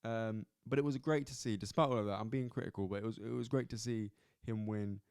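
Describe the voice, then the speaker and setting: A man hosting a solo sports podcast, reviewing fights in a loose, animated way, swearing and repeating himself as he goes. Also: fairly low pitch, brisk, clear, resonant tone, dry recording, studio quality. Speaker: podcast host. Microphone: camera at close angle.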